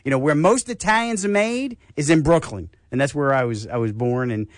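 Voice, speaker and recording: An older man with a New York accent, hosting a radio health talk show and telling stories in a casual, animated way. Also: fairly high pitch, brisk, no echo, clean studio sound. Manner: animated storyteller, acts out voices.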